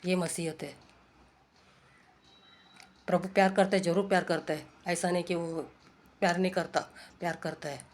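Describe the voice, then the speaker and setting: A woman's voice: lowish voice, fairly even intonation, moderate pace, long pauses. A woman delivers an informal sermon in an earnest, exhorting way. She repeats her points and keeps checking in with her listeners through rhetorical questions, as in a casual home talk. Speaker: preacher.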